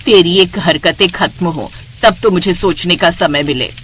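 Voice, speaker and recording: A woman voicing a sharp-tongued, nagging older mother-in-law in a cartoon story, scolding and exasperated. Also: lowish voice, a little slow, a little hiss or hum.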